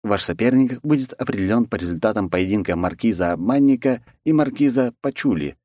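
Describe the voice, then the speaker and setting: A man's voice: on the low side, lively intonation, a little fast, warm tone, dry recording, studio quality, pitched above the performer's own voice. Male narrator voicing a formal official in a storybook, stiff and correct. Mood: stern formal. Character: stern formal male tournament manager.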